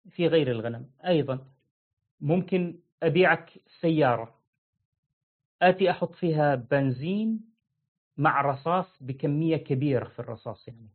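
A man teaching a religious lesson, explaining rulings with lively everyday examples and acting out buyers and sellers. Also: on the high side. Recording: tinny phone-like line.

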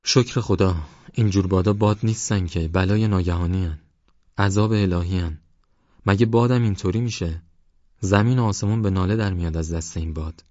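A man's voice: low-pitched, darkish tone, dry recording, natural voice. Worried devout old mother read by a male narrator, dry, slightly dull sound. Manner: fretful, devout. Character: older village mother, pious and worried.

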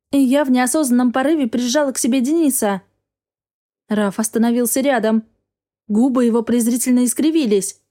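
A woman reading a first-person novel aloud as an audiobook, with an emotional, expressive delivery. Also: fairly high pitch. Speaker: audiobook reader.

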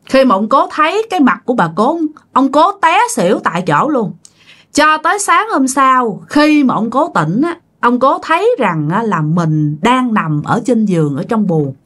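A woman's voice: on the high side, very animated, normal speed, a bit bright. A woman telling a ghost story in a casual, chatty way, talking straight to her listeners. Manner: chatty, addresses listeners directly.

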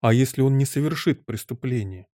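A man's voice: medium pitch, fairly quick, warm tone, no room sound, close to an everyday voice. A man voicing a little girl, earnest, questioning, audiobook character, dry close sound. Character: polite, curious little girl, seven and a half.

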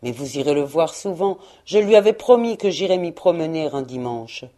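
A woman reading the lines of a gentle, grieving poor father in a storybook, quiet and tender. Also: low voice, animated, moderate pace.

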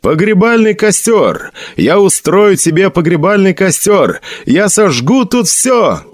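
A man's voice: sits high, very animated, a little slow, voice pushed up, exaggerated voice. A man voicing a grieving young avenger. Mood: vengeful vow. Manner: pleading then vengeful shouting, raised voice. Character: young man mourning his friend, vowing fiery revenge.

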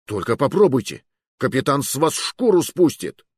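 Guy doing a gruff sailor guard barking orders, dry recording. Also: medium pitch, big pitch swings, moderate pace, dry recording, voice pushed up. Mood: warning. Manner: gruff, ordering people about.

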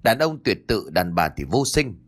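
A man voicing a sharp-tongued village mother-in-law who curses in long shrill tirades. Each line carries her sharp, scolding bite. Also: sing-song, moderate pace. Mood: cursing.

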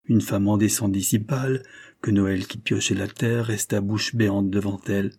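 A man narrating a novel as an audiobook in a measured, expressive way. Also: lowish voice, husky, dry recording, studio quality. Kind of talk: literary audiobook reading.

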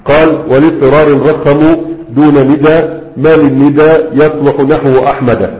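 A man's voice: fairly high pitch, level tone, moderate pace. A man with an Egyptian accent teaching Arabic grammar to a class. He keeps asking rhetorical questions and then answers them himself. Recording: echoey lo-fi room recording.

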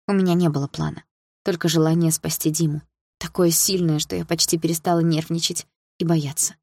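Low, dry-voiced woman for calm first-person audiobook narration. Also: husky, no room sound. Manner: calm, steady, quietly determined.

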